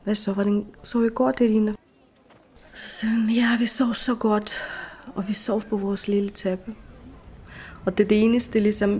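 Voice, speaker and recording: A woman recounting a personal experience in an emotional, lively way, acting out what people said. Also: medium pitch, a little hiss or hum. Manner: lively, tearful retelling with acted quotes.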